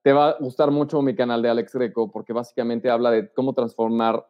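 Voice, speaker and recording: A man's voice: mid-range voice, a little fast. A man speaking as an interview guest, giving social advice and acting out example lines. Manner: animated, acts out example lines. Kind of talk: casual interview talk. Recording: dull sound with long reverb.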